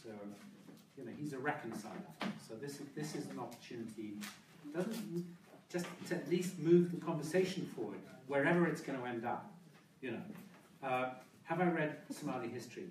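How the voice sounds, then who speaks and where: A man talking briskly on a discussion panel, peppering his points with casual asides. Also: medium pitch, expressive. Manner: brisk, informal, many "you know" asides. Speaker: panel speaker. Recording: roomy hall, distant mic, noise.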